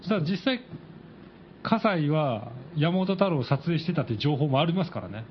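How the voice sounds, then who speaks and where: A man's voice: fairly high pitch, very animated, normal speed, dull audio, a little hiss or hum. Wry skeptical male radio co-host. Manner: wry, skeptical, frequent backchannel. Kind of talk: casual radio chat.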